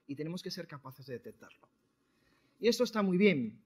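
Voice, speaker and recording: A man from Spain giving a sales seminar to entrepreneurs, lively and quizzing his audience. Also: high-pitched, fairly quick, husky. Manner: lively, questions the audience directly. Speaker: speaker at a business talk. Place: seminar room.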